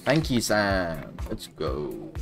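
A man's voice: deep voice, huge pitch swings, extremely slow, vocal fry. A man chatting over a game, teasing his friends in a put-on posh voice. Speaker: gaming channel host. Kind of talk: casual gaming chat. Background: background music.

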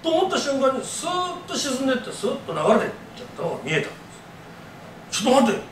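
Male horror storyteller with a high voice that leaps around, telling a live ghost tale in a dramatic way, picked up from a distance. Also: big pitch swings, fast, a little hiss or hum. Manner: dramatic, acts out voices and gasps. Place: live event venue. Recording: echoey room from far off.

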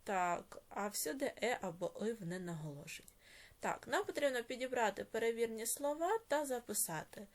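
A woman teacher with a Ukrainian accent, giving a recorded video lesson and spelling out word parts slowly and deliberately. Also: a little high, expressive.

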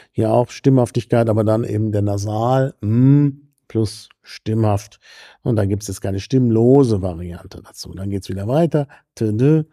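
German guy lecturing, super mellow low-toned voice, lots of ums and throat clearing, dry close sound. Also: dry recording. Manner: frequent fillers, throat-clearing and self-corrections; tag questions ("ne?") to students. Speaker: university lecturer. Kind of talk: university lecture.

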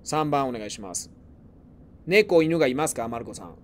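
A man's voice: mid-range voice, very animated, fast, slight background noise. A man teaching a Japanese class in Spanish, patiently calling on students by name and mixing Japanese phrases into his explanations. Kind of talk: online class lesson.

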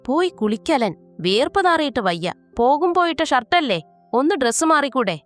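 A woman voicing a proud, sharp-tongued pregnant young wife. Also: high-pitched, very animated, moderate pace, dry recording, soft background music, pitched above the performer's own voice. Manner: curt, stubborn.

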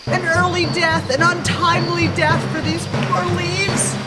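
A woman's voice: extremely high pitch, little pitch movement, loud music behind the voice. A middle-aged woman playing a self-important, overwrought TV storm reporter in a spoof live weather report, stretching her words for drama. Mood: grave, urgent. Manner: overwrought, drawn-out dramatic emphasis. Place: outdoors at night on rainy driveway. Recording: rain noise outdoors, camera mic. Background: rain falling.

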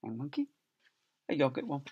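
In a small office, a laptop webcam set close by records a middle-aged man, a school teacher, reading a picture book aloud to little kids. He stretches key words playfully and makes sound effects, his mid-range voice swinging widely in pitch at a brisk clip. The tone is slightly rough and the highs are cut off.

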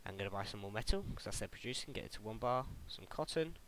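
A young British man with a lowish, slightly bright voice and lively intonation talks quickly over a casual game tutorial, captured on a rough recording. As host, he is chatty, stumbles and restarts often, and laughs at his own slips.

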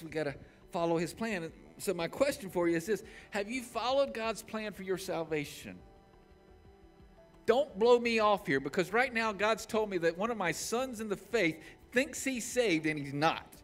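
A man in his forties preaching a sermon from a church stage as pastor, with impassioned delivery that swings between raised, shouted points and hushed, quiet prayer. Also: high voice.

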